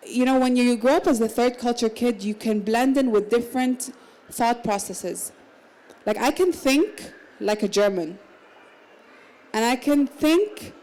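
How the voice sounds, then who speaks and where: Her voice is a little high with a darkish tone, though the audio quality is poor. She's in her thirties, raised in the Emirates, and chats casually as a panel guest at a book fair's literary salon, with restarts and small laughs.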